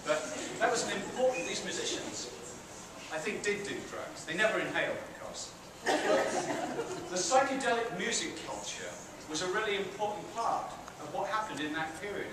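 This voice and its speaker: At normal speed and in a high, bright voice, a middle-aged British professor gives a chatty guest lecture to students in a big theatre hall with an audience. He asks them questions and throws in self-deprecating asides. He sounds far from the microphone, with heavy echo and a steady hiss in the background.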